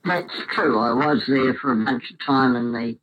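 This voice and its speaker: A man whose voice has been electronically altered to disguise him, speaking curtly and haltingly as a reluctant interviewee on a phone call. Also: medium pitch, slight background noise. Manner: curt and halting, with many hesitations. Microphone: telephone call. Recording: muffled phone line.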